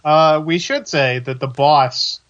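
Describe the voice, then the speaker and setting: A man's voice: fairly high pitch, slow pace, fairly bright tone. A man co-hosting a podcast in easygoing, agreeable casual chat. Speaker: podcast co-host. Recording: dull lo-fi microphone.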